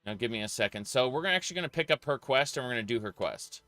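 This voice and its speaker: A man's voice: medium pitch, expressive, rapid-fire, bright, forceful tone. A man giving casual live gameplay commentary as a streamer, rambling and opinionated, repeating phrases for emphasis. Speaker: game streamer. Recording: dry close voice over faint music. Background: faint game music.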